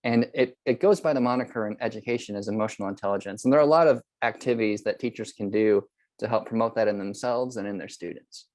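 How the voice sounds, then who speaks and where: Thoughtful American professor, dry close sound. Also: male voice, fairly low pitch, quick pace, darkish tone, no room sound. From United States. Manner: thoughtful, many restarts and fillers, acts out quoted voices. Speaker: psychology professor, podcast guest. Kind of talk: casual interview talk.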